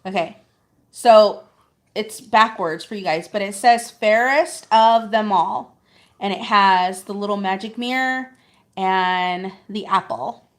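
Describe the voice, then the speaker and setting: A woman's voice: medium pitch, slow pace. A woman co-hosting a casual live-stream vlog, chatting and laughing often. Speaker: vlog co-host.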